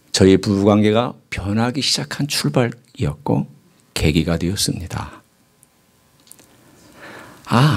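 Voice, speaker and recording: A middle-aged male pastor preaching a sermon, moving between hushed, whispered passages and raised, emphatic exclamations. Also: lowish voice, breathy edge.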